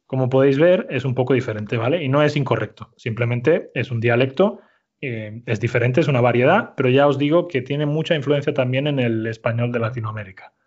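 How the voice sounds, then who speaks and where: A man's voice: medium pitch, a little fast, darkish tone, lo-fi sound. Male Spanish teacher explaining patiently. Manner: explanatory, frequent "¿vale?" checks. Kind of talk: language lesson.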